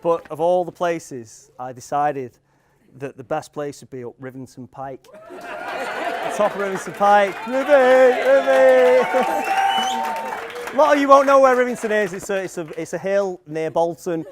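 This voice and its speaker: A young man with a Manx accent and a slightly high voice gives a groom's speech at a wedding. He rambles and jokes informally, hesitating as he goes. Guests can be heard faintly around him in the venue. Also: normal speed, noisy background. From Isle of Man. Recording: live event room with guests audible. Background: wedding crowd.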